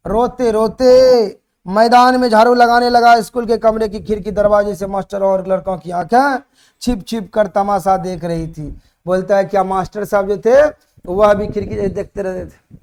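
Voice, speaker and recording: A male teacher explains a story chapter to students preparing for their board exams, retelling it in lively pieces. He acts out the characters' shouts and keeps asking the class questions, speaking at normal speed in a high-pitched voice.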